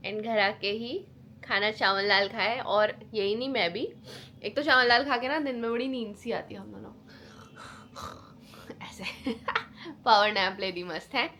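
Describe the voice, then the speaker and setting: A woman's voice: medium pitch, measured pace, pushed and bright, a little hiss or hum. A young woman co-hosting a casual home vlog, bantering and teasing in a playful way. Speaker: vlog co-host.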